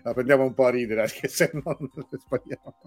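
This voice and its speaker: A man with a Roman Italian accent hosts a casual live show in a mid-pitched voice. He plays the showy quiz master, rambling and joking at his own expense as he talks to his audience. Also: brisk. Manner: rambling, self-mocking. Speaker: host of a live online talk show.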